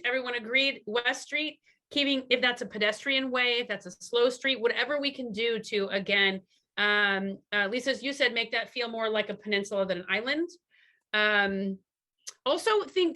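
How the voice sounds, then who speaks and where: A woman's voice: on the high side, bright, forceful tone. A woman on a video call summarizing her breakout group's ideas at a community meeting, with many fillers and restarts.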